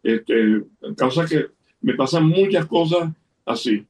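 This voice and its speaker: A man's voice: fairly high pitch, expressive, slow pace, a little mellow. Man telling a rambling story. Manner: rambling with restarts and quoted dialogue. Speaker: interview guest. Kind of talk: casual storytelling.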